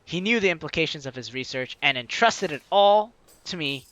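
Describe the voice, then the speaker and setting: Playing through a story game, a man reads it aloud with dramatic flair and drops in casual remarks along the way. He speaks at normal speed with lively intonation, his voice fairly high and a bit bright.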